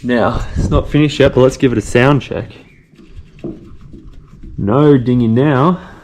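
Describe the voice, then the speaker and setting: A relaxed man walks through a bike repair one step at a time, in a plain mid-range voice. The sound is roomy and echoey, with a faint hiss of noise underneath. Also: medium pitch, unhurried. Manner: relaxed, talks through each step as he works. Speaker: bike tech presenter. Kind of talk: casual how-to demonstration.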